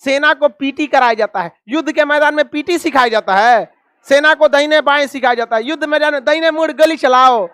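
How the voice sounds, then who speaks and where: Male teacher, very high voice, dry sound; scolds the class and fires drill questions. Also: fairly bright tone, no room sound. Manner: scolding, calls students donkeys; rapid drilling questions, repeats answers. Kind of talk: classroom map lesson.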